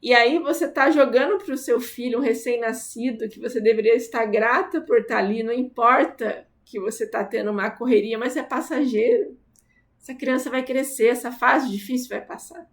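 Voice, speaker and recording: A woman's voice: on the high side, moderate pace. A woman, speaking as the host of her channel. She tells stories earnestly and talks straight to mothers in a casual advice monologue. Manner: earnest, storytelling, addresses mothers directly.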